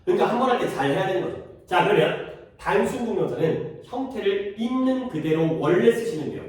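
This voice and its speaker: A man's voice: high voice, lively intonation, fairly quick, a little mellow. A male teacher giving a classroom grammar lesson, quizzing his students and repeating key terms. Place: classroom at a cram school. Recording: echoey classroom, voice from far off.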